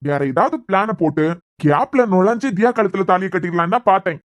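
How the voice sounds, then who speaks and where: A man voicing a scheming young male villain in a cartoon web series, speaking in a sly, low gloating murmur with a Kanyakumari Tamil accent. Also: animated, a little fast, dry recording, clean studio sound, close to an everyday voice. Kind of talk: cartoon voice acting.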